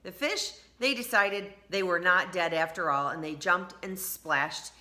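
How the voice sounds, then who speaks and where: With a lowish voice, a woman teacher reads a story aloud to kids. She addresses them directly, delivering it expressively and lingering on emphasized words.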